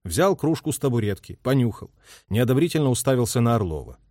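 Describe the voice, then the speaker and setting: A man narrating an audiobook in an even, steady reading voice. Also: mid-range voice, fast talker, no room sound, studio quality. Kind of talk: scripted narration.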